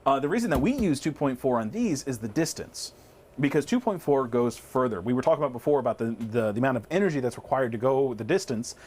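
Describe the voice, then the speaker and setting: A man's voice: mid-range voice, expressive, fast, darkish tone. A man co-hosting a tech webinar, casually explaining Wi-Fi step by step with frequent restarts. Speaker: webinar co-host.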